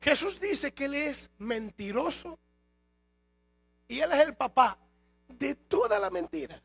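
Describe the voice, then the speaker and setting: Pastor guy preaching hard, gravelly husky voice, faint music behind. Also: extremely high pitch, big pitch swings, slow pace, no echo. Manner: emphatic preaching, rising and falling loudness. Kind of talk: sermon. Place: church hall.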